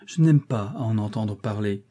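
A man's voice: lowish voice, moderate pace, warm tone, natural voice. A man reading aloud and voicing a shy, earnest young governess in a classic novel. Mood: pleading.

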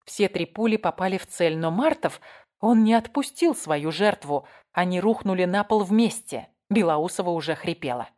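Woman reading a crime audiobook, lowish voice, measured and tense. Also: expressive, a little mellow. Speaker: audiobook narrator. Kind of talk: dramatic audiobook narration.

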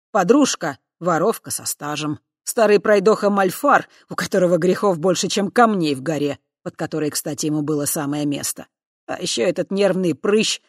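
A narrator performs a sly male half-spirit prince who mocks and threatens in a hushed, drawn-out voice. The recording is close and dry, with no room around it. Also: mid-range voice, gravelly, dry recording. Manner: soft, slow, silky and menacing.

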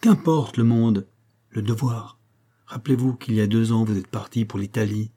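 A man reading the lines of a resolute young wife in an audiobook, earnest and measured. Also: on the low side, steady tone, dark tone, close to an everyday voice. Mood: earnest, firm.

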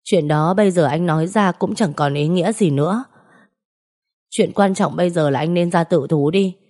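A woman voicing a calm young woman who earnestly urges a friend to give himself up. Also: on the low side, moderate pace, natural voice. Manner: earnest persuasion.

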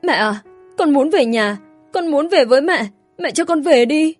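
Woman playing a little boy, sobbing, pleading, high voice, storybook audiobook. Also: expressive, moderate pace, faint music behind. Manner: tearful, pleading. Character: small boy, sobbing, begging for mother.

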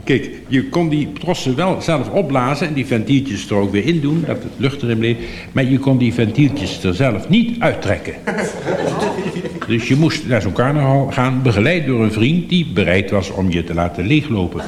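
A man's voice: medium pitch, expressive, moderate pace. A man telling a comic monologue in a droll, mock-formal way, heard on an echoey, noisy archive recording. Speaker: comic storyteller.

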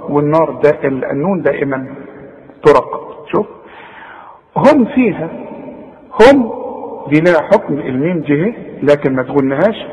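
A man with an Egyptian Arabic accent teaches Quran recitation in a notably high voice. He patiently corrects a student, drawing out words to demonstrate and then explaining quickly. His voice rings with a long reverb. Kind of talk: tajweed lesson correcting a student.

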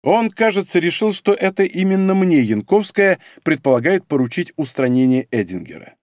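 A man narrating a story in the first person, in an expressive, theatrical reading. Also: on the high side, normal speed, dry recording, studio quality. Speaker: audiobook narrator.

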